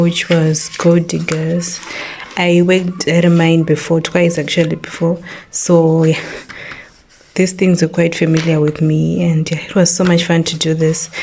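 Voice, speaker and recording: A young woman from Zimbabwe talks casually to her viewers, calling them besties and leaning on "so yeah" between thoughts. Her voice is fairly low and mellow, with a slight lisp from a painful jaw after a tooth extraction. A faint background hum sits under the talk. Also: rough recording. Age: 20s. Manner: chatty, repeats "so yeah", addresses viewers as besties. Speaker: vlogger. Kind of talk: casual vlog talk to camera. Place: rural home.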